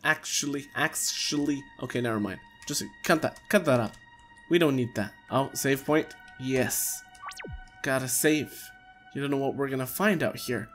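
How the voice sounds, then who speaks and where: A man's voice: medium pitch, moderate pace, a bit bright. A man in his thirties giving casual, jokey gameplay commentary, talking to himself on a close microphone. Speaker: let's player. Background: game music.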